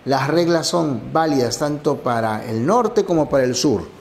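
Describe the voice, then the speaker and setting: A man's voice: mid-range voice, animated, moderate pace, vocal fry. A man teaching a language lesson, explaining exam answers step by step.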